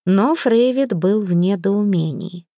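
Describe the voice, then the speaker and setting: A woman reading a novel aloud as an audiobook narrator, with measured storytelling. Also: medium pitch, expressive, warm tone, no echo, clean studio sound. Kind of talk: scripted narration.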